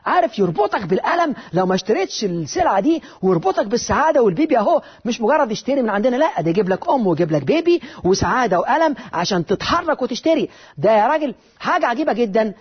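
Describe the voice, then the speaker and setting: A man with an Egyptian Arabic accent giving a motivational talk, lively and rhetorical, with repeated phrases. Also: very high voice, rapid-fire, slightly rough, muffled recording. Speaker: motivational speaker.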